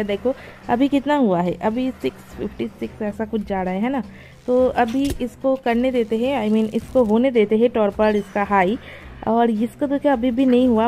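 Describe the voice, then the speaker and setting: A young woman talks her viewers through a game in a casual, excitable running commentary. Her voice sits fairly high, yet the tone stays mellow and warm. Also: a little hiss or hum. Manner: chatty, excitable, talks to viewers while playing. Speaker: gaming channel host.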